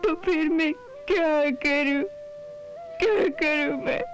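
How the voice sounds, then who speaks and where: A woman's voice: sits high, slow pace, music in the background. An actress playing a loving mother in a devotional TV drama, pleading and repeating herself in grief. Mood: despairing. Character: anguished loving mother of a young god.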